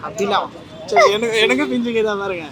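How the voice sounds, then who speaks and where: A man's voice: high-pitched, lively intonation, quick pace, over a noisy crowd. A young man answering street interview questions outdoors, earnest and rambling, a little defensive.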